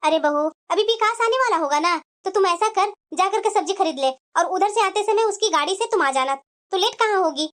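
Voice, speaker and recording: A woman plays an elderly mother-in-law in a cartoon story, stern with her son and protective of her daughter-in-law. She scolds in a very high, thin voice. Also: lively intonation, fairly quick, a bit bright. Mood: firm. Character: caring older mother-in-law with sore knees.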